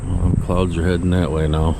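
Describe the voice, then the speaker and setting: A man with a very low voice talks casually to his vlog as he looks around outside. He rambles in a plain-spoken way, and loud outdoor noise runs all through the recording. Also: flat delivery, fairly quick. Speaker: vlogger. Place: outdoors, walking around a residential property.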